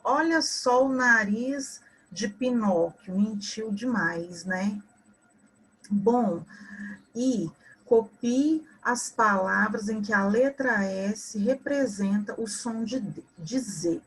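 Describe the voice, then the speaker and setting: A Brazilian woman teaches in a slow, unhurried way, walking children through their homework corrections. Her voice has a husky edge, and she sounds out each word with patient explanation. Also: on the high side. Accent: Brazilian Portuguese. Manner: patient and explanatory, spells out words slowly.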